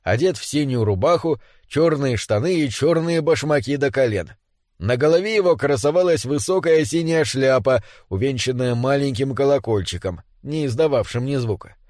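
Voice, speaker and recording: A man narrating a storybook in an expressive, measured manner. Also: medium pitch, dry recording, clean studio sound. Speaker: audiobook narrator.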